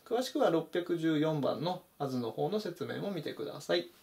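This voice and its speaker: A man's voice: a little high, animated, moderate pace, vocal fry, a little mellow. A man teaching English vocabulary to Japanese learners, methodically explaining meanings and pointing out pronunciation.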